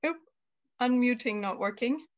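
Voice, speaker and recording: A woman from Germany with a fairly high, unhurried voice hosts a live video call from a home room as a UN tour guide, sounding friendly and using frequent fillers. The laptop video call recording is dry and muffled.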